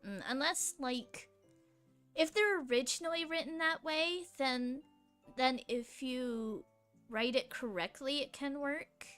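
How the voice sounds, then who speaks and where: Young woman vlogger, giggly and rambling, slow, bright tone, faint music behind. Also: high voice, clear, resonant tone. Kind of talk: casual rambling chat.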